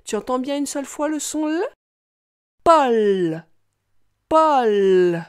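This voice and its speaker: A woman teaching young children to read, talking slowly in an exaggerated, sing-song way. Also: sits high, level tone, darkish tone, dry recording, studio quality. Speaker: reading teacher. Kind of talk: children's reading lesson.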